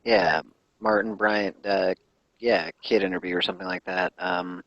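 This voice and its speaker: Low-voiced man in a dry voice call. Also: steady tone, normal speed, fairly bright tone, dry recording, highs cut off. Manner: hesitant, filler-heavy, restarts. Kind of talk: casual voice call chat.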